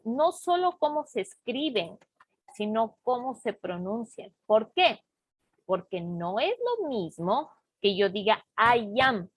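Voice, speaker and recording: Slow, patient woman teaching a class. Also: on the high side, no echo. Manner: slow, patient explaining with frequent check-ins. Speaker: English teacher. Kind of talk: online class lesson.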